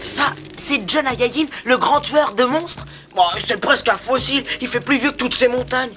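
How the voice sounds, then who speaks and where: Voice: sits high, normal speed, lightly acted. An actor playing a cheeky, sarcastic young boy hero with slangy delivery in a French cartoon dub. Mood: casual, doubtful. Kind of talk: French animated series dubbing. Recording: music faintly behind the voice.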